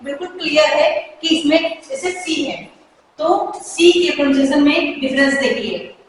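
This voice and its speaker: A high-voiced woman gives a pronunciation lesson and says each example word slowly, more than once. She sounds far from the mic, in a room with strong echo and a long reverb tail. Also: slight background noise. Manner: slow, repeats example words with care. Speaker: English teacher. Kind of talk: Hindi-medium pronunciation lesson.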